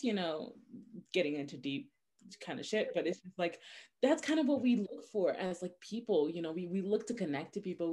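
A woman of about twenty-five co-hosting a podcast in casual chat, earnest and heartfelt, speeding up when excited. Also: mid-range voice. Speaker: podcast co-host.

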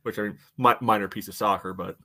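An American podcast co-host with a fairly low voice chats casually about sports. His analysis is measured and halting, with dry humour, fairly even intonation and a sharp tone.

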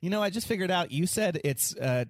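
A man's voice: high voice, expressive, brisk, heavy background noise. A man in his twenties co-hosting a podcast, teasing his friends in casual comedic banter. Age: 20s. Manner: teasing, wisecracking. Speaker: podcast co-host.

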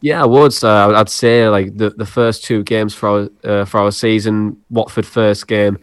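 A man's voice: fairly low pitch, fairly even intonation, moderate pace, clear, resonant tone, no echo, studio quality. A man talking football as a fan podcaster, chatty and casual, often repeating words for emphasis. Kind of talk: casual sports chat.

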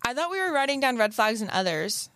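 A young adult woman with a slightly high voice, co-hosting a casual podcast chat. She tells clumsy self-mocking stories in an animated way. The sound is dry and close to the mic. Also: fast talker, smooth, dry recording. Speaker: podcast co-host.

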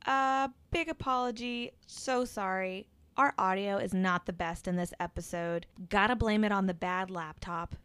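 A podcast host, a woman, makes a casual announcement to listeners in an apologetic way. Her voice is smooth and clear at a middle pitch, recorded very dry. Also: normal speed, hardly any pauses, a bit bright, dry recording.

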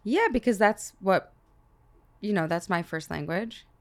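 A podcast host in her thirties conducts an interview in a medium-pitched, slightly slow voice. She muses aloud casually and warmly, stammering a little as she begins her thoughts.

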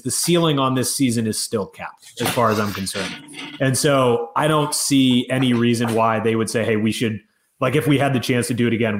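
Male co-host, mid-pitched, opinionated and firm, echoey room sound. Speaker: podcast co-host. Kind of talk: casual sports podcast chat.

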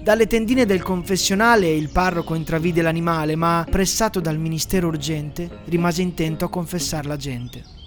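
A man's voice: a little high, normal speed, faint music behind. Brief: a light-voiced male host, easygoing and playful, who reads verse with some flair. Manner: relaxed, playful storyteller. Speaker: podcast host. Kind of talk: casual podcast chat and poem reading.

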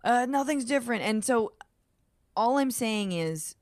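A woman in her late thirties, a comedian, telling a story in a casual podcast interview, animated and full of "like", acting out quotes. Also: on the high side, unhurried, no echo, studio quality. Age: 30s. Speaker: comedian guest.

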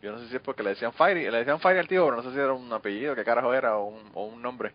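A man's voice: medium pitch, racing. Storytelling Puerto Rican man, lo-fi sound. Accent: Puerto Rican Spanish. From Puerto Rico. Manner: loose, storytelling, swears casually. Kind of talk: casual chat.

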